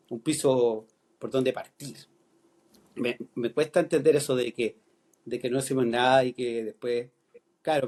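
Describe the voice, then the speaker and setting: With a medium-pitched, darkish voice, a middle-aged man from Chile talks on a podcast in his Chilean accent. A philosophy teacher, he is reflective and keeps hesitating and restarting his sentences.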